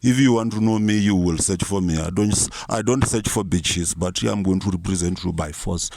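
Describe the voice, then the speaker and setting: A man's voice: low voice, brisk, vocal fry, darkish tone, no echo, studio quality. A man ranting in a boastful, profane comic monologue to camera, posing as a reverend, with frequent stutters and restarts. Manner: profane, boastful, mock-courtroom rant with many stutters and restarts. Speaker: self-styled reverend vlogger.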